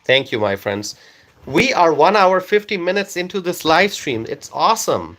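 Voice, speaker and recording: A man from Bangladesh who speaks Bengali as his first language reads viewer comments on his live stream in a slow, coaxing, repetitive style. His voice is slightly high, sing-song and a bit bright.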